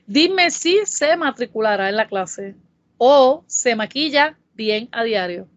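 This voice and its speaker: A woman with a Puerto Rican Spanish accent, narrating a Spanish grammar lesson in a careful, explanatory way and reading example sentences slowly. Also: a little high, a bit bright, no room sound. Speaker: Spanish tutor. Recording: dull, dry voice-over.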